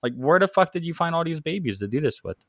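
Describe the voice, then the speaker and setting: A man co-hosting a podcast from a remote connection, making crude jokes and offering calm, level opinions. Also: a little high, fast talker, dry recording, clean studio sound. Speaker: podcast co-host on a remote line. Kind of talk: casual chat.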